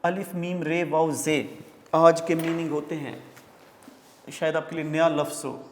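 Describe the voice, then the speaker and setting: A male teacher lecturing, who explains word meanings and pronunciation step by step and often pauses on fillers. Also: on the high side, level tone, long reverb tail, slight background noise. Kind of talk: classroom lecture explaining an Urdu text.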